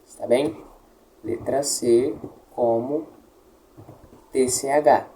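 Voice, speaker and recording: A man's voice: mid-range voice, very slow, mellow, poor audio. A man teaching Latin pronunciation, patiently modelling words and checking with his listeners. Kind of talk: pronunciation lesson.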